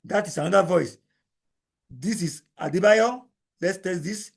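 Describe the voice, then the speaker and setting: A man leads a screen-recorded software lesson, his voice high for a man. He goes slowly and explains each click, repeating himself so nobody gets lost. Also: gravelly. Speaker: instructor.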